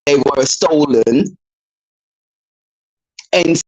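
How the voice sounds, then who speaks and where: A woman from Jamaica calling into a talk show, speaking slowly and hesitantly, her voice breaking up badly over the phone line. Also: low-pitched, darkish tone, husky, no echo. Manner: slow, hesitant, earnest. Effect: choppy call audio breaking up. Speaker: caller. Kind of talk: call-in talk show comment. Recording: broken-up distant phone line.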